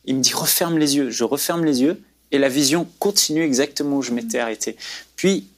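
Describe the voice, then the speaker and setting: A man's voice: mid-range voice, fairly quick. Male guest, earnest preacherly storyteller, faith testimony.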